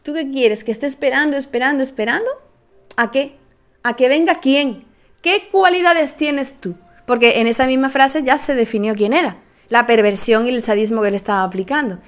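A middle-aged woman talking casually to her viewers, telling a story with animated delivery and acting out bits of dialogue. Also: on the high side, fairly quick. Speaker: host.

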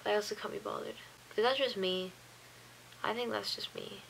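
Late at night in her bedroom, a young vlogger talks into a webcam near her face in a rambling, sleepy diary entry, often saying "like" and putting herself down. Her mid-range voice has vocal fry, a moderate pace and some brightness; she's tired, wheezy and coughy. There's slight background noise and the quality is low.

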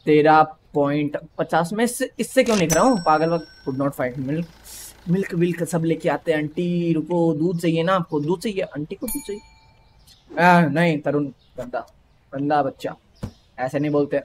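A young man from India gives playful gameplay commentary, joking with the characters and talking to himself as he plays. His voice sits a little high for a man. A faint noise runs under the recording. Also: moderate pace. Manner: playful, teasing, talks to game characters. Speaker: gaming YouTuber.

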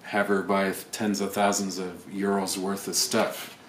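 A man's voice: low-pitched, monotone, a little slow. A man thinking aloud with wry asides while unboxing items on camera. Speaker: video creator unboxing items. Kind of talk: casual unboxing commentary. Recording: roomy echo, faint background noise.

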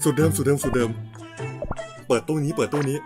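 A man with a Thai accent giving loud, excited commentary on game pulls, chanting repeated words and pleading for luck, his throat sore from yelling. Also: mid-range voice, quick pace. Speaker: game streamer. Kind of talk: excited gacha-pull commentary. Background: game music.

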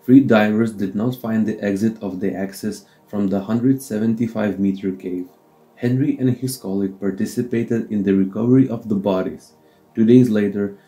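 A man reads a documentary script in a low, very dark and mellow voice. His delivery is steady and measured, with slightly non-native phrasing. Faint music plays beneath the narration. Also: rough recording.

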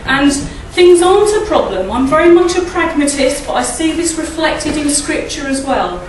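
A croaky middle-aged woman gives an informal, chatty talk at a church service, laughing often and tossing tag questions to the audience. Her high voice is lively and moderately paced, picked up by a lectern mic and a far camera in an echoey hall with background noise.

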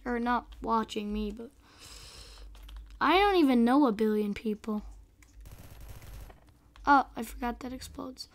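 A young woman hosting a gaming video gives excitable, chatty, casual commentary on a game. Her voice is hoarse and squeaky, breaking into a whispery rasp as she seems to be losing it.

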